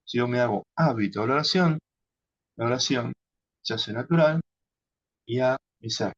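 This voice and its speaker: A man teaching contemplative prayer in an unhurried, halting way, often adding a questioning tag. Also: medium pitch, a bit bright, no room sound. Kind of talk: instructional talk on contemplative prayer. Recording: dull lo-fi sound.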